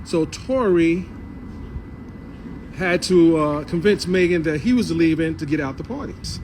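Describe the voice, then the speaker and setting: Higher-voiced man reporting haltingly. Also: a little mellow, slight background noise. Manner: hesitant, self-correcting. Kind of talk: casual spoken report.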